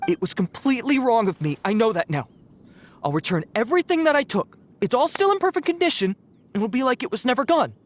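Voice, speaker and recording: In dramatic video game voice acting, a man plays a cowardly young bandit who is nervous, stammering, pleading and sheepish, with a remorseful, anxious mood. His voice is very high, sing-song and fairly quick.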